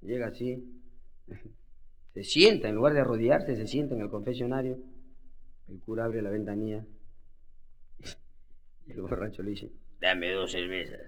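A man with a Peruvian Spanish accent telling street jokes as a comedian, in rapid slang, acting out the characters and laughing along. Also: lowish voice, low-quality recording. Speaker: stand-up comedian.

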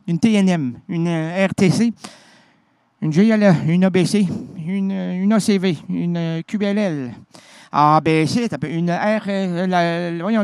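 Playful and goofy, this male radio host jokes and rambles through comic on-air banter in a nasal voice. It sits high with a slightly mellow quality, captured in a dry recording.

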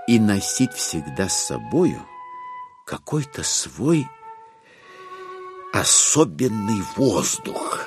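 A man with a lowish voice performs a classic novel as a theatrical audiobook over music. His delivery is wry and expressive, with deliberate pauses.

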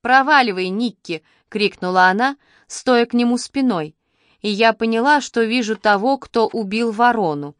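A woman giving scripted first-person narration of an audiobook at a measured, even pace. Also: fairly high pitch, clear, resonant tone, dry recording, clean studio sound.

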